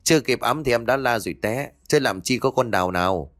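A man voicing a caring young master of the house who hurries to calm a frightened girl. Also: medium pitch, fairly quick, dry recording, studio quality, natural voice. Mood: soothing. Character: caring young master, elder brother type.

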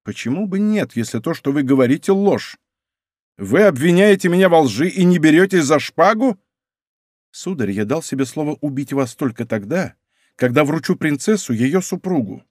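A man's voice: on the high side, no room sound, studio quality. A man voicing a cold, controlled young viscount. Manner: calm, cold, measured speech. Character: cool, honorable young viscount, controlled and stern. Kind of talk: audiobook character voice.

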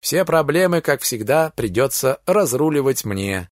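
A man's voice: medium pitch, big pitch swings, unhurried, dry recording, studio quality. Man reading as a wry grumbling young spacer. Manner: sardonic, grumbling. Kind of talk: audiobook character reading.

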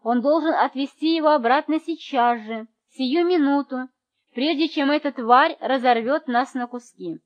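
A woman reading the part of an irritable young man who speaks hoarsely in exasperation. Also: high-pitched, moderate pace, dull audio, natural voice. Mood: angry. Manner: hoarse, fuming. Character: exasperated irritable older brother Larry.

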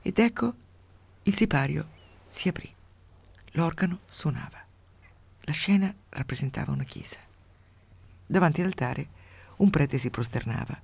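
A woman's voice: sits low, expressive, normal speed, creaky, long pauses, breathy edge. A woman radio host reading a grotesque story aloud with theatrical flair, then chatting with a guest. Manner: theatrical storytelling, loud bursts for shouted lines.

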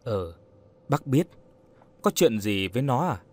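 A man's voice: medium pitch, very animated, a little slow. A man voicing a grieving, guilt-ridden old man in an audio story, speaking in a quavering, choked voice. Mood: hushed, sorrowful.

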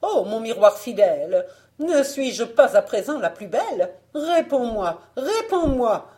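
A woman voicing a wicked, vain queen who schemes and rages, in an audiobook fairy tale, her voice going high and shrill. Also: big pitch swings, measured pace, mellow. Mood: vain, imperious.

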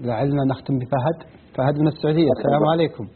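A man hosting a call-in question show, politely greeting callers and moving them along briskly. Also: medium pitch, husky. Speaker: radio call-in host. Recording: phone-like lo-fi broadcast with faint noise.

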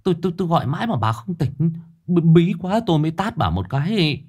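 A man voicing a gruff middle-aged village husband in a ghost story, blunt and scolding. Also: fairly high pitch, big pitch swings, quick pace, a little mellow, pitched above the performer's own voice. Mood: worried.

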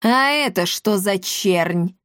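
A woman's voice: mid-range voice, normal speed, no echo, clean studio sound, lightly acted. A woman reading an audiobook, playing a cruel, scornful male emperor who talks with open menace. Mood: menacing.

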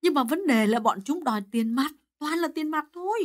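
A man voicing a distressed middle-aged wife who sobs and snaps in shrill, anxious bursts. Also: expressive, brisk, fairly bright tone. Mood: snappish. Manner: shrill, tearful and snappish.

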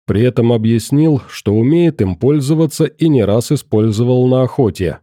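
A man reads an audiobook in an even, steady voice that is deep and very dark. The recording is dry and close. His pitch sits in the middle range for a man. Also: normal speed, no room sound. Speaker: audiobook narrator. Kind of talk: scripted narration.

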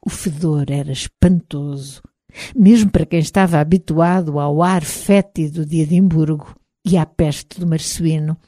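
A woman with a European Portuguese accent narrating an audiobook in the first person, in a measured, expressive reading. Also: low-pitched, dry recording, clean studio sound.

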